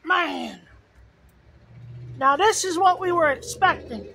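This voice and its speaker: A very high-voiced woman delivers live storm-chasing commentary over faint weather noise. She is excitable and exclamatory, coming back to the same short phrases again and again. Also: slow, creaky. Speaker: storm chaser livestreaming. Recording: noisy outdoor recording with rain and wind.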